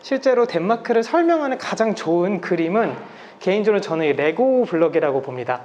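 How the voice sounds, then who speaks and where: A man's voice: high-pitched, sing-song, fairly quick, darkish tone. A man in his thirties from South Korea gives a polite, explanatory public lecture, slightly muffled through a face mask. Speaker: guest lecturer. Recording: masked live talk with background noise.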